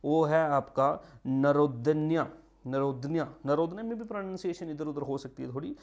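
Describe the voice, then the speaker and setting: A man's voice: fairly high pitch, a little mellow. Male tutor drilling key terms. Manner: repeats key terms, mixes English phrases, frequent "ठीक है"; drawn-out slow emphasis on names, quick asides. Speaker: exam-prep teacher. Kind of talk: online geography lecture.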